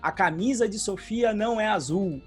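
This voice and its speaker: A Brazilian programming teacher co-hosts a casual podcast, explaining things the way he would in class and often ending sentences with a check-in "tá?" His high, expressive voice moves at a moderate pace over soft background music.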